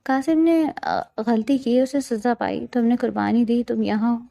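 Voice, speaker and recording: A woman's voice: on the high side, fairly even intonation, vocal fry, mellow. A woman voicing a stern, protective young husband who speaks in a firm, commanding way in a storybook reading.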